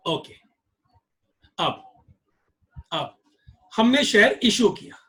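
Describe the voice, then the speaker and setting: A man's voice: high-pitched, sing-song, very slow, sharp tone. A male accounts teacher giving a classroom lecture, drilling his students with repeated questions.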